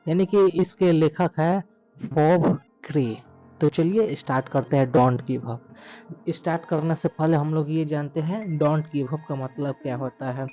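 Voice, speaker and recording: A man teaching a poem, explaining it line by line and reading the English lines very slowly. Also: on the high side, mellow, muffled recording. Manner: explains slowly, repeats "yani ki" often.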